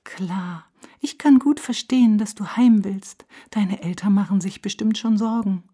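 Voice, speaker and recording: A woman voicing a caring mother rabbit in a storybook, speaking softly and half-whispered. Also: medium pitch, measured pace, breathy edge, voice pushed up.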